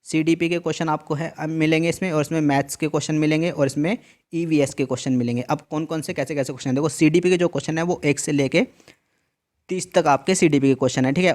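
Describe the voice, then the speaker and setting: A man with a fairly high, slightly mellow voice walks through an exam answer key in a screen-share tutorial. He repeats every instruction emphatically and checks in often with "theek hai."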